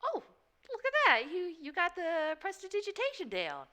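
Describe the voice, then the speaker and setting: High bright woman player, giggly and bouncy, in character. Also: huge pitch swings, normal speed. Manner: cheerful, giggly. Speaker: tabletop game player. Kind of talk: in-character tabletop role-play.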